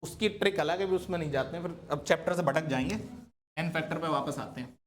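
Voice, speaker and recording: A man's voice: on the high side, quick pace, a little hiss or hum. A man teaching a chemistry class, constantly asking his students questions and coaxing them to answer. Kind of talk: classroom lecture.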